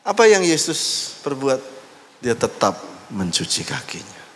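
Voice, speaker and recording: A male pastor preaching a sermon, lively and playful as he narrates a skit and acts out people's reactions. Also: mid-range voice, measured pace. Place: church hall. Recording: echoey hall with faint noise.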